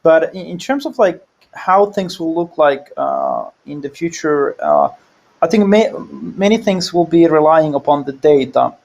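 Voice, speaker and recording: Male panelist, gravelly, hesitant, repeats words. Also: a little high, lively intonation, a little mellow, highs cut off. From Finland. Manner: halting, many fillers and repeated words. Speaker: panel guest. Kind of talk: casual panel discussion.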